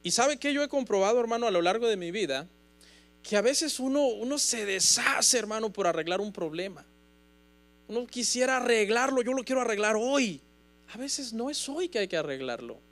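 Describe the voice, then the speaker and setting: A man's voice: very high-pitched, expressive, normal speed, a bit bright. A man preaching a sermon as pastor of a church congregation, earnest and emphatic, often calling his listeners "brother".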